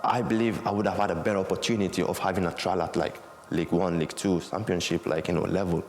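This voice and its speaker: A man's voice: low-pitched, fairly even intonation, quick pace, darkish tone, slight background noise. A man in his twenties from Guinea, talking casually in an interview about his football past, with many "like, you know" fillers. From Guinea, West Africa. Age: 20s. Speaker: interviewee, former academy footballer.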